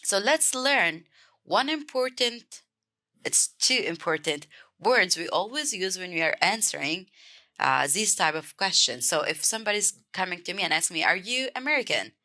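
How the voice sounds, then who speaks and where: A woman from Egypt with an Egyptian accent, teaching a beginner language lesson and clearly repeating each word several times. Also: lowish voice, expressive, normal speed, pushed and bright. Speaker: Arabic teacher.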